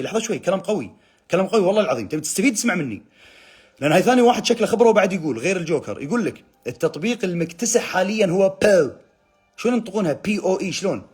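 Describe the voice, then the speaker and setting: Young guy hosting a phone live, husky voice, very lively pitch; teasing, reads comments aloud. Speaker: livestream host. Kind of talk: casual live chat reading comments.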